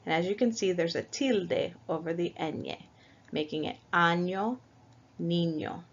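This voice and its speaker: Slow, patient woman teaching a lesson. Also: on the low side, breathy edge. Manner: patient, methodical, spells out each example. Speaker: Spanish teacher. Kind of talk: slow, careful language lesson. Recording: dull lo-fi recording.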